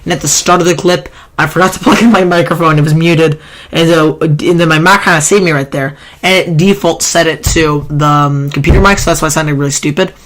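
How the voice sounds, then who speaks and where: A YouTuber with a sore throat and a nasal voice rambles through a casual gaming countdown, complaining and often correcting himself mid-sentence. His voice is a little high and a bit bright, with a steady tone and a fairly quick pace.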